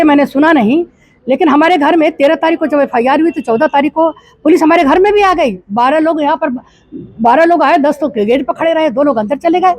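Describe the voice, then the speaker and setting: A woman's voice: high-pitched, no echo. An older woman from eastern Uttar Pradesh, a politician answering a news reporter's questions with indignant rhetorical questions. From Gorakhpur, eastern Uttar Pradesh, India. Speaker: interviewee, politician. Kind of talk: news interview.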